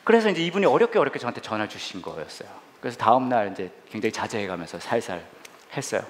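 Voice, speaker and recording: Male pastor, comic sermon storytelling, lively swooping pitch, faint background noise. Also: rapid-fire. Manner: animated, acts out voices in the story. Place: church hall.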